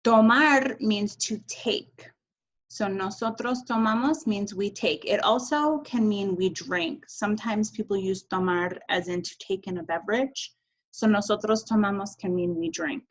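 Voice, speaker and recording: A woman's voice: medium pitch, measured pace, poor audio. Upbeat woman teaching a recorded lesson. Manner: chanting verb endings, upbeat and encouraging. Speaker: Spanish teacher. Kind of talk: recorded classroom video lesson.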